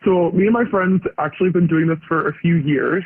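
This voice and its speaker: A woman's voice: lowish voice, a little fast, a crowd in the background. A woman calling in to a radio show with her voice disguised by a voice changer, talking casually and a little hesitantly, with lots of "like". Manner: casual, slightly hesitant, uses "like" often. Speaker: caller. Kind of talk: anonymous call-in confession. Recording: tinny phone line.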